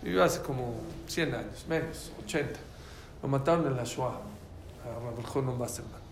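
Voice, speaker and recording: A man's voice: medium pitch, normal speed, echoey room, slight background noise. A man with a Mexican Spanish accent teaching a religious class, telling stories and quizzing his listeners. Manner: animated, quizzes the audience.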